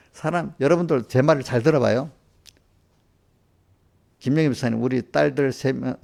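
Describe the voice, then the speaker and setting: A middle-aged man preaches at a church service. He has a gravelly voice at an ordinary pitch. He talks in a folksy, chatty way and keeps turning to his congregation for agreement. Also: darkish tone. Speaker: pastor. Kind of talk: conversational sermon.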